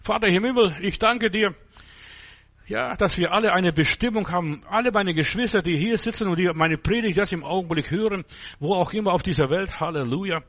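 A man preaching a sermon with a slightly high, husky voice. He talks emphatically, with many short asides and interjections. The recording has a faint radio-broadcast sound. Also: brisk, fairly bright tone. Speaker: pastor.

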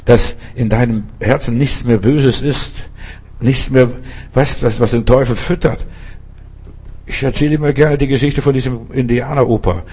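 A man's voice: mid-range voice, fairly even intonation, normal speed, darkish tone, husky. A male preacher giving an emphatic sermon, speaking straight to the listener with pointed rhetorical questions.

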